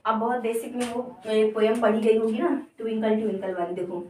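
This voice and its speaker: A woman teaching an exam-prep lesson, explaining slowly and often checking that her students follow. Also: on the high side, level tone, mellow. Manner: explains slowly, repeating words and checking understanding with "theek hai". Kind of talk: exam-prep lesson in mixed Hindi and English. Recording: echoey room, voice from a distance.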